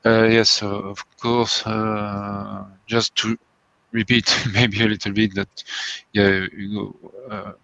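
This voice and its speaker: Slow, gravelly man, searching for words. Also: on the low side, level tone, fairly bright tone. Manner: hesitant, searching for words, self-correcting. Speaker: thesis jury examiner. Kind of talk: halting formal remarks and questions at a thesis defense. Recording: dull, dry video-call audio.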